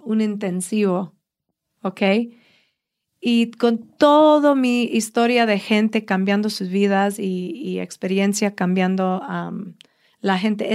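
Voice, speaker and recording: Here is a woman fitness trainer being interviewed, and she tells her stories eagerly and with a lot of life. Her pitch sits at an ordinary middle level for a woman. She talks casually and chattily. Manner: enthusiastic, animated storyteller.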